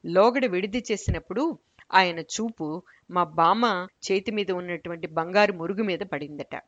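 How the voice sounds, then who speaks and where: A woman narrating a story in a measured, wry manner. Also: on the low side, no echo. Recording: dull lo-fi recording.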